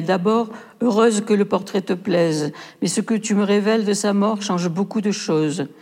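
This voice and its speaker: A woman's voice: medium pitch, dark tone. A woman reading personal letters aloud with a frank, impassioned delivery at a poetry performance. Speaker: reader in a literary performance. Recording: long hall reverb.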